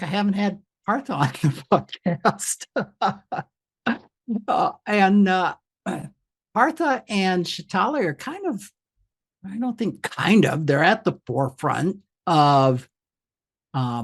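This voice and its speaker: An older man hosting a podcast interview, talking loosely with many fillers and restarts. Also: a little high. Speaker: podcast host.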